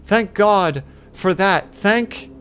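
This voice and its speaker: A man's voice: mid-range voice, sing-song, normal speed, gravelly, slight background noise. A man reading aloud and voicing a fretful, kindly elderly mother with rising pleas. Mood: relieved.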